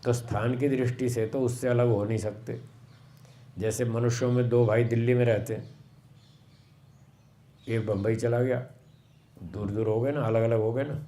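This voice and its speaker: A man giving a sermon on scripture, slow and explanatory, repeating phrases for emphasis. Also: mid-range voice, fairly even intonation, mellow. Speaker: swami giving a Vedic discourse.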